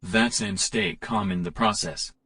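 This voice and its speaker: A man voicing a deadpan male translator who gives flat, literal translations, recorded on a distant mic. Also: fairly low pitch, a little slow, vocal fry, heavily acted.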